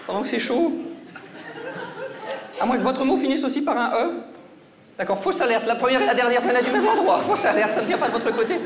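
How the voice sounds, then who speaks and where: A comic mentalist works a live room, half serious and half teasing, the patter tripping over itself and restarting. The voice rings in a reverberant hall, with a faint audience murmur and low noise underneath. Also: animated, a little fast, pauses often. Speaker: stage mentalist comedian. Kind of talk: live comedy mind-reading routine with audience volunteers. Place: stage before a live audience. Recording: echoey hall with faint crowd.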